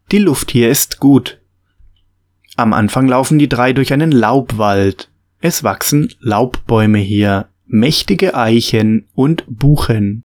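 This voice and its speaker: A man reading a storybook aloud in a calm, steady and clearly spoken way. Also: medium pitch. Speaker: narrator. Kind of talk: scripted storybook narration.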